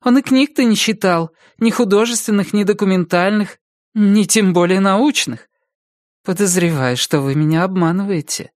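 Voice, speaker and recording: A man's voice: sits high, normal speed, no room sound, studio quality, voice pushed up, lightly acted. A man reading an audiobook, voicing a wary, defensive middle-aged woman in a raised voice. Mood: guarded, doubtful. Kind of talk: audiobook character voice.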